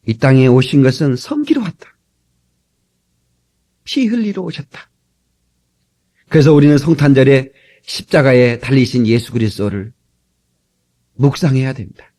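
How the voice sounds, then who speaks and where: A man from Korea preaching a sermon as pastor, lively and humorous with frequent asides to the congregation, recorded on an old cassette tape. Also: mid-range voice.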